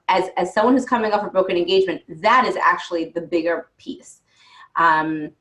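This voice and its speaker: A woman's voice: lowish voice, a bit bright. A woman dating coach giving frank, reassuring advice and sharing her own stories. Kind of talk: advice talk answering questions.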